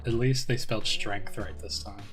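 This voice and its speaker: A man's voice: on the low side, steady tone, moderate pace, music in the background. A young man joking through a casual comedy chat, trading puns and laughing often. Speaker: co-host.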